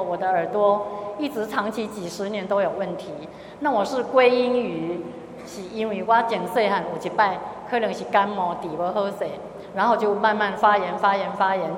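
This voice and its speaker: A woman's voice: mid-range voice, roomy sound, big-room sound, a little hiss or hum. A middle-aged woman with a Taiwanese accent, a lay Buddhist speaker telling a gathering about her experiences and slipping into Hokkien phrases. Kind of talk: testimony talk to a gathering.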